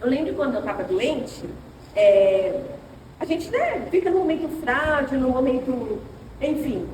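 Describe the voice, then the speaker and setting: A woman's voice: high-pitched, a little slow. A middle-aged woman with a Brazilian accent, teaching a women's church class and telling personal stories while speaking directly to the "sisters" among her listeners. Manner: animated storytelling, addressing listeners as sisters. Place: church hall. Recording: roomy hall, far mic, ambient noise.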